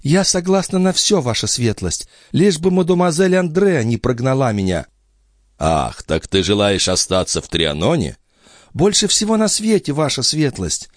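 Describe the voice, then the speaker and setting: A man's voice: medium pitch, sing-song, moderate pace, no echo, clean studio sound, voice pushed up, natural voice. A man voicing a sly young maid who pleads and coaxes, in an audiobook reading. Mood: imploring. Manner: pleading, coaxing. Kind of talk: audiobook character voice.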